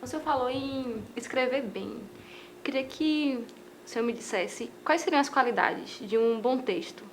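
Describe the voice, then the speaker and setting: A woman's voice: sits high, normal speed, slight background noise. A woman interviewer asking formal, polite questions.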